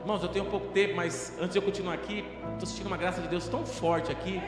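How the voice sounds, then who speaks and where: A young male pastor from Brazil, preaching a sermon with rising intensity and dramatic pauses, recorded in a small church hall. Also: high voice, fairly even intonation. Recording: echoey church hall with music behind.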